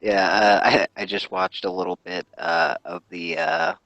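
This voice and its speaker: A man's voice: deep voice, fairly even intonation, measured pace, a bit bright, no room sound, low-quality recording. A man in casual voice-call chat, hesitant and full of fillers. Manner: hesitant, filler-heavy, restarts.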